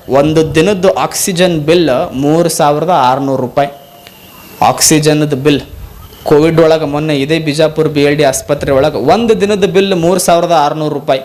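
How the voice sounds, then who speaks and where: Monk preacher, man, North Karnataka accent, high voice, animated storyteller swinging between high punchlines and low reflection. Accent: North Karnataka Kannada. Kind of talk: devotional sermon with storytelling. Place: temple gathering.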